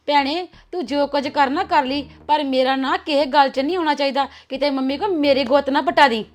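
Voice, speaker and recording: A young actress playing a cautious, gossiping elder sister-in-law who talks in a confiding manner. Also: female voice, high voice, a little fast, lightly acted. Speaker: actor. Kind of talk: web series drama acting.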